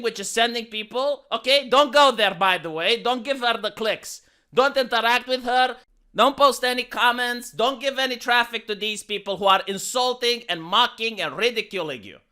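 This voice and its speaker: A man's voice: very high-pitched, pushed and bright, clear, resonant tone. A YouTuber man ranting in sarcastic, indignant commentary, often repeating words as he gets worked up.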